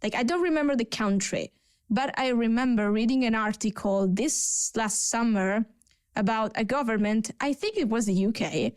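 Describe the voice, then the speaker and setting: A woman's voice: a little high, moderate pace, clean tone, dry recording. Italian-accented woman co-hosting a chat. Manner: chatty, searching for words, laughs often. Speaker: podcast co-host. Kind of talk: casual panel chat.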